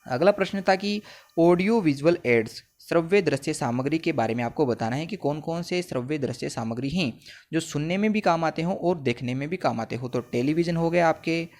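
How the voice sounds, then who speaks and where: Man slowly reading out lesson notes. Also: fairly high pitch, lively intonation, darkish tone. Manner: reads English phrases slowly, then explains in Hindi. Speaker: teacher. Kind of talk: exam paper lesson explaining answers.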